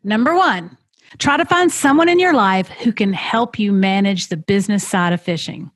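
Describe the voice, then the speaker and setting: A woman's voice: mid-range voice, normal speed, dry recording. A woman hosting a podcast interview, talking emotionally and repeating herself, then speaking straight to her listeners. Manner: emotional, warm-spoken, repeats herself when moved. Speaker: podcast host. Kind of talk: conversational interview and direct-to-listener wrap-up.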